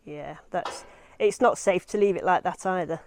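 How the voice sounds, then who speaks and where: A woman's voice: lowish voice, normal speed, a little hiss or hum. A woman chats casually as she films a home renovation from outside. She teases and encourages the person working, laughing often. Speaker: vlogger filming a home renovation. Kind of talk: casual chat while filming. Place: outdoors beside a house and scaffolding.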